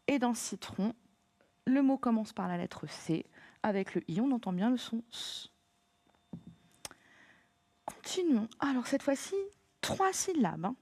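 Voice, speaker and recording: A woman's voice: on the high side, a little mellow, no room sound. A woman teacher giving a remote lesson to young pupils, patient and encouraging, spelling words out letter by letter. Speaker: primary school teacher.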